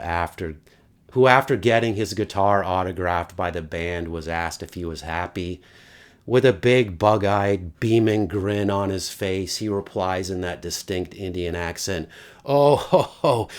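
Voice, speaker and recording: A middle-aged man narrating a casual, wry review with occasional mild swearing. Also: sits low.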